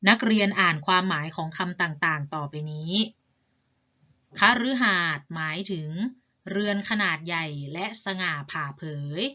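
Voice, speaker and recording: A woman's voice: on the low side, unhurried, bright, forceful tone, muffled recording. A woman teaching a reading lesson to primary school children in a patient, polite way. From Thailand.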